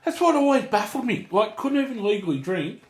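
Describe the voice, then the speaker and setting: Aussie bloke, slightly high voice, slangy and sweary podcast storyteller, echoey room. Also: male voice, sing-song, a little fast, crowd noise. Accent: Australian. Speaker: podcast co-host telling a gripe. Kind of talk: casual chat and storytelling. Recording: roomy, echoey sound.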